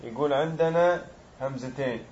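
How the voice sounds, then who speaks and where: A man's voice: medium pitch, normal speed, a little mellow, dull audio, a little hiss or hum. A man teaching a grammar lesson, explaining step by step and quizzing his students.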